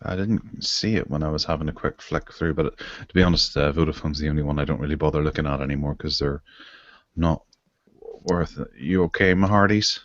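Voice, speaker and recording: A man with a very low, deep voice hosts a laid-back tech podcast. He talks over a video call, so the sound is dry and a little dull. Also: fairly quick, dry recording. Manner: relaxed, chatty, leads the segments. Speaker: podcast host. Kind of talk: casual tech chat. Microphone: online video call.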